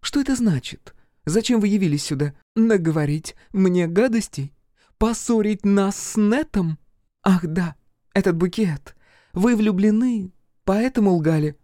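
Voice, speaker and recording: Man doing a hot-tempered young woman, high falsetto-like, indignant, mellow tone, dry close sound. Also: measured pace, no echo. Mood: furious. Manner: high-pitched, excitable, indignant.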